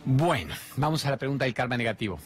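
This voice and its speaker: A man in his fifties with an Argentine accent, hosting a spiritual talk show and delivering an animated monologue full of rhetorical questions. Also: mid-range voice, quick pace. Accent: Argentine Spanish. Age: 50s.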